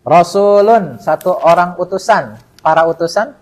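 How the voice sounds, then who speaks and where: In poor audio with faint music behind, a high-voiced man at a moderate pace teaches Arabic grammar at a mosque study session. His classroom lecture uses call-and-response drilling: he quizzes students by name and leaves words unfinished for the class.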